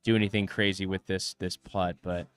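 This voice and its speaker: A low-voiced man works as a golf commentator, calling shots one by one. He talks in measured play-by-play phrases, leaning on the jargon of the course. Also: level tone, clean tone.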